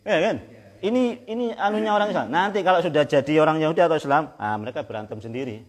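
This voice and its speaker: A man preaching a Quran exegesis lecture in a conversational way, often checking with his listeners and chanting verses slowly. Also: a little high. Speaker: Islamic preacher. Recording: hall with long reverb.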